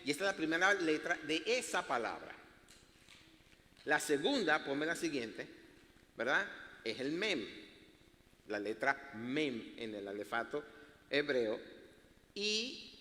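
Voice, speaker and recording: A man's voice: fairly high pitch, sing-song, slow, long pauses, pushed and bright. A man preaching a sermon as pastor, teaching in a playful way and laughing at himself. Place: church hall. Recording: echoey church hall.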